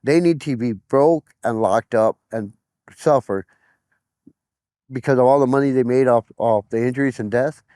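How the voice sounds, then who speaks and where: Middle-aged man, interview testimony, plain-spoken, mid-pitched voice, dry close mic. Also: a little mellow, dry recording. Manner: plain-spoken, retells conversations as quoted dialogue.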